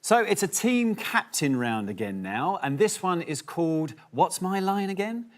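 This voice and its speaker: A man's voice: sits high, very animated, a little slow, slight background noise. A man hosting a comedy panel show, reading out scores and rules with a dry, sarcastic, teasing manner. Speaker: host.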